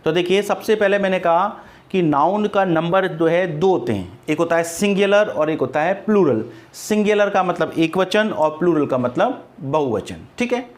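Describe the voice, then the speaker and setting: Patient man teaching grammar, higher voice. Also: expressive, moderate pace. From India. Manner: patient and repetitive, spells words out letter by letter. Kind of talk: online grammar lesson.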